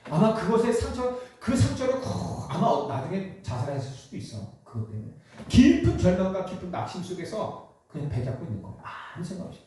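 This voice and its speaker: A male pastor delivering a Sunday sermon, telling the story with many rhetorical questions. His voice sits high and swings widely in pitch. It is recorded from a distance in a very echoey church hall with faint background noise. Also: sing-song, a little fast, a little mellow. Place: church sanctuary.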